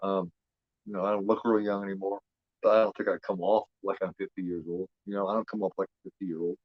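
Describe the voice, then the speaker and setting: A man's voice: sits low, flat delivery, fast talker, no room sound. Rambling fifty-year-old man, muffled audio. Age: 50s. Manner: rambling, repeats himself, frequent fillers and swearing. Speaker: host. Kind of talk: casual watch-along commentary.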